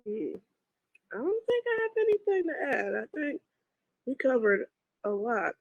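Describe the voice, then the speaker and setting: A woman guest in a casual chat, agreeing with short interjections and talking slowly. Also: sits high, very animated, no echo, phone-quality sound.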